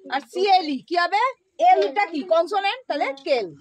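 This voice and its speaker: A woman's voice: very high voice, moderate pace. A woman teaching a classroom phonics lesson, quizzing the children with repeated questions and prompts.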